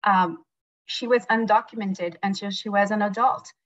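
French-accented woman in her 40s, candidate pitch, emphatic and earnest, dull webcam sound. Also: fairly even intonation, normal speed, a bit bright. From France. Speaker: judicial candidate and prosecutor. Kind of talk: campaign speech. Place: indoors, small plain room. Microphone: webcam on a video call. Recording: dull lo-fi video call audio.

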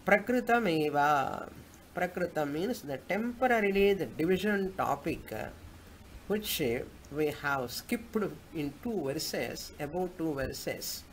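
A man's voice: on the high side, expressive, a little slow, low-quality recording. A man with a South Indian accent teaching a scripture class, explaining didactically by asking and answering his own questions. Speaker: Vedanta teacher. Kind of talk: spoken scripture class with chanted Sanskrit verses. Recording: clear background noise.

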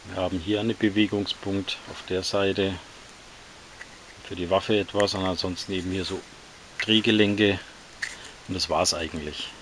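Lockerer Sammler mit tiefer Stimme. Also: male voice, deep voice, slight background noise. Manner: relaxed, slightly halting, describes while handling. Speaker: toy collector reviewing action figures. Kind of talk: casual hands-on review.

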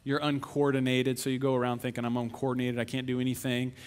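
A middle-aged man preaching a sermon as pastor, animated, breaking into whiny put-on voices when acting out complaints. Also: medium pitch, fast talker, clean tone.

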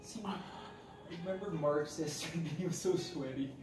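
A Filipino man speaks as a relaxed-worded coach, moving between breathing cues and casual chat. The room is echoey, and music plays behind his voice. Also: a little high, normal speed, far from the mic.

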